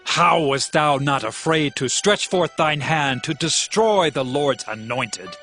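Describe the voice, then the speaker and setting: High-voiced, impassioned warrior king David. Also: takes it slowly, bright, forceful tone, exaggerated voice. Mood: stern, indignant. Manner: solemn, impassioned, archaic declamation. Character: David, grieving and commanding warrior king of Israel. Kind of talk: dramatized audio Bible acting. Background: music.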